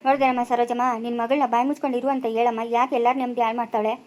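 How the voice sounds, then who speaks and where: A woman's voice: fairly high pitch, flat delivery, very fast, a little mellow, highs cut off, lightly acted. A woman playing a stern younger brother who lectures his sister in a family drama, speaking with a rural Chikkaballapura Kannada accent. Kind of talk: village family drama skit.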